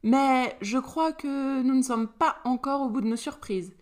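A woman's voice: sits high, a little slow, pitched above the performer's own voice. A woman voicing a wry, teasing elegant aristocratic woman in a storybook reading.

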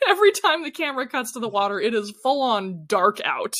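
A woman's voice: on the high side, sing-song, fairly quick, fairly bright tone. A woman co-hosting a casual podcast, animatedly recapping a TV episode and acting out characters' lines. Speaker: podcast co-host recapping a TV show. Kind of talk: casual chat.

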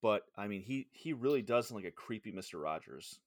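A man's voice: fairly low pitch, lively intonation, brisk, dry recording, clean studio sound. A man co-hosting a podcast in casual chat, swearing often and rambling through restarts. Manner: profane, rambling with frequent restarts.

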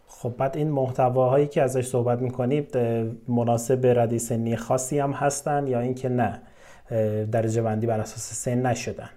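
A man with a mellow, darker voice hosts a podcast interview. He asks his guest polite, measured questions and pauses on fillers between them. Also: medium pitch, level tone. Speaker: podcast host.

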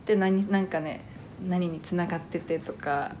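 A woman's voice: fairly low pitch, steady tone, measured pace, warm tone, a little hiss or hum. A woman in her thirties from Hokkaido with a light Hokkaido accent, co-hosting a podcast in rambling, giggly casual chat. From Hokkaido, Japan. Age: 30s. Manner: chatty, giggly, rambling with fillers. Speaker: podcast co-host.

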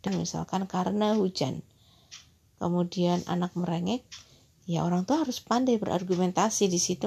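Woman, calm islamic parenting talk, raspy low-toned voice, measured. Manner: calm, measured, addresses listeners as brothers and sisters.

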